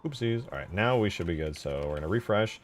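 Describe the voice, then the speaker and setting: Working at his computer on a game mod script, this streamer talks fast in a low but expressive voice. The live commentary is casual and informal, mostly him thinking aloud and muttering to himself.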